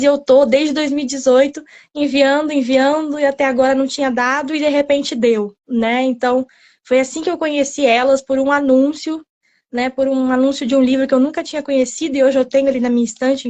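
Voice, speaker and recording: A young woman in her twenties talks through her story as an interview guest. Her voice sits high. She speaks casually and with animation, often checking in with the listener. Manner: chatty, animated, tells the story with quoted self-talk and frequent "né?".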